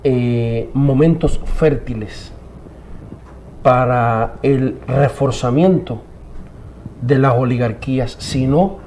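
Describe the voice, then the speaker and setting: A man interviewed as a political commentator, speaking slowly and deliberately and pausing to find his words. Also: medium pitch, a little mellow, slight background noise. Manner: slow, deliberate, searching for words.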